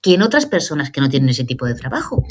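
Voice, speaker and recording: Woman, 40s, psychologist guest, chatty, lively, checks in often. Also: extremely low pitch, quick pace. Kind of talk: casual podcast interview.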